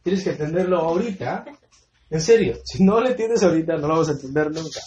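Preacher, male, slightly high voice, emphatic teacher who repeats key words, recorded in a roomy hall. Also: expressive, brisk, darkish tone, lo-fi sound. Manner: quizzes listeners with fill-in-the-blank questions. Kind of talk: Bible study sermon. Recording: echoey room sound.

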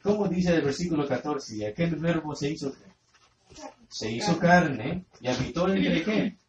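A man's voice: fairly high pitch, lively intonation, normal speed, a little mellow, dull audio. A man teaching a Bible study sermon to a congregation, emphatic and repeating key words, quizzing listeners with fill-in-the-blank questions. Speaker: preacher. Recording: echoey room sound.

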